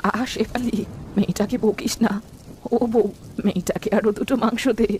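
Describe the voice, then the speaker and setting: A woman voicing a sympathetic middle-aged village woman in a cartoon, gently chiding. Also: mid-range voice, steady tone, normal speed, a little hiss or hum, lightly acted.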